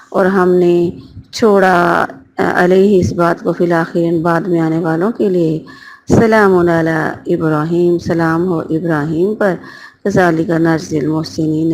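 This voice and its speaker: A woman's voice: lowish voice, a little mellow, poor audio. A woman giving a word-by-word translation and tafsir lesson, reading each Arabic phrase and then glossing it. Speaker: Quran teacher.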